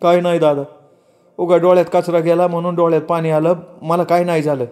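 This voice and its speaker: A man's voice: fairly high pitch, flat delivery, a little fast, darkish tone, pitched above the performer's own voice, natural voice. A man voicing a distressed young man who is trying to hide that he has been crying. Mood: evasive. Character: distressed young man hiding his tears.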